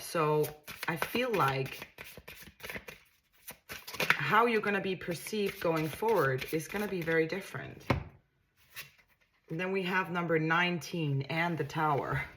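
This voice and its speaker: A tarot reader with a Danish accent and a voice on the low side offers a casual reading to camera, with background noise in the recording. Her tone is reassuring as she muses aloud, often going back over and restarting her phrases.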